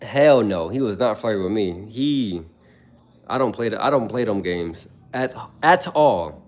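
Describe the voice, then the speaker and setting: A young man chats casually on a livestream, telling animated stories and reading viewers' comments aloud. His voice is lowish and his pace a little slow.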